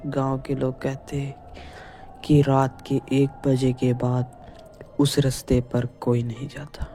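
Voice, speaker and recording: A man narrating a scripted horror story in a slow, ominous manner. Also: mid-range voice, monotone, warm tone. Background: faint music.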